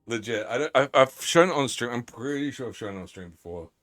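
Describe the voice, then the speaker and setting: A man's voice: mid-range voice, expressive, fast talker, a bit bright. A man streaming a game live, chatting in a rambling, profane, self-mocking way. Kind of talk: casual live-stream commentary.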